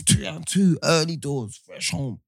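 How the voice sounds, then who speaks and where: A man with a London roadman accent telling stories in street slang, casual and animated, repeating phrases for emphasis. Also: on the high side, moderate pace, vocal fry. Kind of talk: casual podcast banter.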